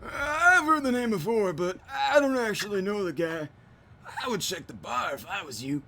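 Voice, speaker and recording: A man voicing a bitter old male town mayor with a wheezy cigarette rasp, grumbling and world-weary, as amateur game voice acting. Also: high-pitched, lively intonation, normal speed, bright, forceful tone, slight background noise, voice pushed up, heavily acted. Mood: gruff. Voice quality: wheezy, gravelly.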